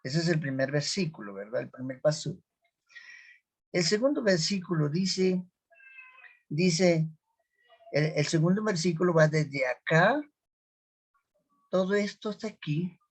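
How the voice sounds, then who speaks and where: A man teaching a scripture lesson, sounding out Hebrew words slowly and repeating them as he explains. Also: a little high, expressive, husky. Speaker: Bible teacher.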